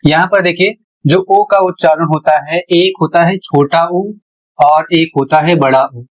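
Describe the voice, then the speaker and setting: A male teacher explaining pronunciation rules at a board in a deliberate way, repeating each step. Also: a little high, fairly even intonation, poor audio. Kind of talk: slow classroom explanation at a board.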